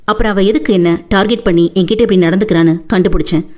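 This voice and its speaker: A woman's voice: medium pitch, fast, a little mellow, lightly acted. A woman voicing a hot-tempered but doting young husband in an audiobook, coaxing and boastful. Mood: recounting.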